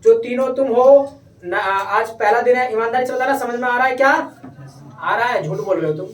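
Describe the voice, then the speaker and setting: A man's voice: very high-pitched, brisk. A man teaching a classroom English lesson, coaxing his pupils and repeating his questions. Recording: echoey room, distant mic, faint noise.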